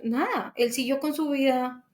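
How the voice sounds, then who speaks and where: Woman, fairly high voice, heartfelt personal testimony with faith and restarts. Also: moderate pace. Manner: emotional, faith-filled storytelling with frequent restarts. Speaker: daughter telling her father's story.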